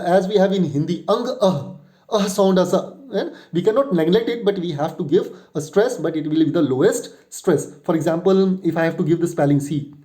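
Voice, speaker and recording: A man's voice: on the high side, warm tone. A man teaching spelling and pronunciation, spelling words out letter by letter and explaining at length with fillers. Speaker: English tutor.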